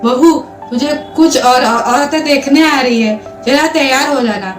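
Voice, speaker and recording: A woman's voice: high-pitched, measured pace. A woman voicing a middle-aged mother-in-law who scolds her daughter-in-law. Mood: stern. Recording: roomy, distant mic, faint music.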